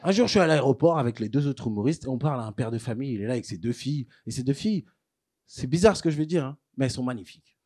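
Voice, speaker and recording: A man in his thirties doing stand-up in a comedy club, animated, swinging between loud bursts and low asides. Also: very fast. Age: 30s. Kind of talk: stand-up storytelling.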